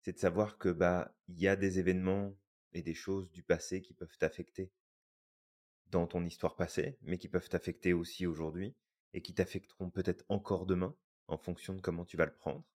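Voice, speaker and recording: A man's voice: deep voice, level tone, a little fast, a little mellow. A man co-hosting a podcast, talking things through in a thoughtful, hesitant way. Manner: thoughtful, hesitant, many fillers and restarts. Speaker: podcast co-host. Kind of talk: reflective podcast talk.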